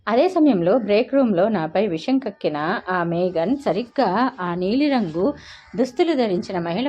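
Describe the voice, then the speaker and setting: A woman narrates a dramatic novel in the first person, pouring emotion into the heroine's words. Her voice sits at an ordinary middle pitch. The recording is a little muffled and lo-fi. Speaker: storyteller. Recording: slightly dull lo-fi audio.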